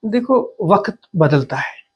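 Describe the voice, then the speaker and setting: A middle-aged man as the education expert guest in a podcast interview, talking in a thoughtful way with many pauses, fillers and restarts. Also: high-pitched, lively intonation, husky, highs cut off.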